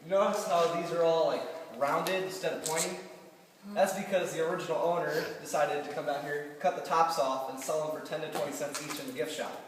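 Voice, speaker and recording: A man's voice: a little high, fairly even intonation, fairly quick. A man explaining things casually and jokingly as a tour guide, with cave echo around his voice. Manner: casual, joking, quizzing the group. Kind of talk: informal explanatory tour talk. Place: inside an underground limestone cave. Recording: cave echo, long reverb, distant, noisy.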